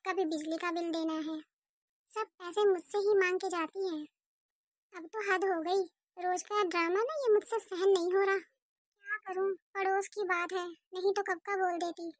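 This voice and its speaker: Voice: very high-pitched, no room sound. A performer voicing an exasperated adult housewife in a cartoon, grumbling and complaining about money she has lent. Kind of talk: cartoon voice acting.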